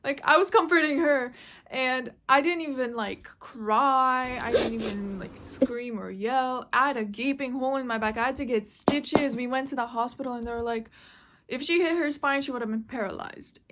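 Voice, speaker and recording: A woman's voice: sits high, normal speed, noisy background. A woman telling a casual storytime while she draws, chatty and full of fillers, with casual swearing. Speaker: vlogger.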